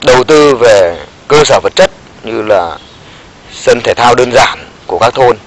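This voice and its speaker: A man, a local official, giving an unscripted interview statement in formal officialese, pausing and restarting as he speaks. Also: mid-range voice, expressive, low-quality recording. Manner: officialese with pauses and hesitant restarts.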